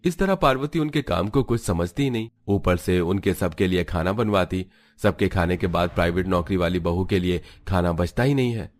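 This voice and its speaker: A man narrates a family cartoon in a steady storytelling style. His voice is very low and deep, and he reads the script evenly from scene to scene. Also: normal speed, few pauses.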